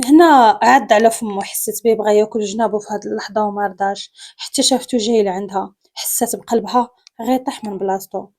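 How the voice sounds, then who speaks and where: A woman with a Moroccan accent narrating a dramatic story in a steady storytelling manner. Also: mid-range voice, fast. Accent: Moroccan Arabic.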